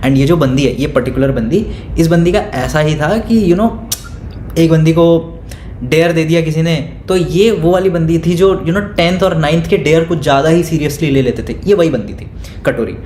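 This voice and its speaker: Young guy spilling a school story, gossipy and animated, slightly high voice, echoey room with faint hum. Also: moderate pace. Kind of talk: casual storytime, mixing English phrases. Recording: roomy room with faint ambience.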